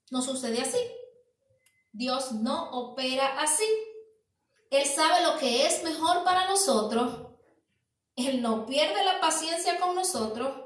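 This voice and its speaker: A woman preaches slowly and deliberately in a high voice, repeating key words and asking rhetorical questions. Her sermon rings through a large church hall, caught from far off with heavy echo. It is an evening church service.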